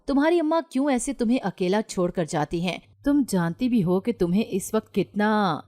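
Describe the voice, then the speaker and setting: A woman's voice: mid-range voice, expressive, mellow, lightly acted. A woman narrator voicing a pushy, menacing young man in a storybook reading, with little change from her own voice. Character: pushy threatening young man, unwanted visitor. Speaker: intruder in a read-aloud story.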